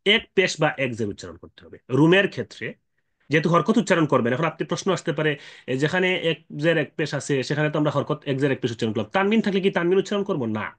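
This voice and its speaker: A man teaching Quran recitation rules, explaining patiently with fillers and checking questions, and chanting drawn-out examples. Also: on the high side. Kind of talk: explanatory tajweed lesson.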